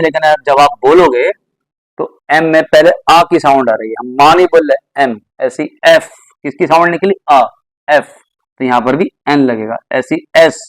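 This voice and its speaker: A man's voice: on the high side, moderate pace, no room sound, low-quality recording. A man teaching English grammar, explaining step by step and repeating examples patiently. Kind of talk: classroom grammar lesson.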